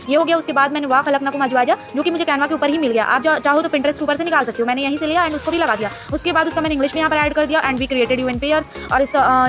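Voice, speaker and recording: A woman hosting a screen-recorded design tutorial, chatty and instructive, mixing English words into her Hindi. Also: high-pitched.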